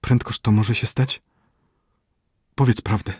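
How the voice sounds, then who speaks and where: A noble young prince near death speaks in urgent, pleading tones, read by a man. The voice sits low and husky. The sound is dry and close, as in an audiobook. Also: fairly even intonation, a little slow, darkish tone, no echo. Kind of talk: audiobook character voice.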